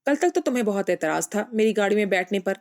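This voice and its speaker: A woman's voice: mid-range voice, expressive, a little mellow, close to an everyday voice. A woman voicing a cocky young man who talks in an offhand, teasing way in a storybook reading.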